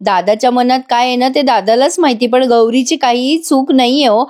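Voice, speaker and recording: A woman voicing a worried, gentle wife in a retold TV serial scene, pleading and bewildered. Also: a little high, fairly quick, lightly acted.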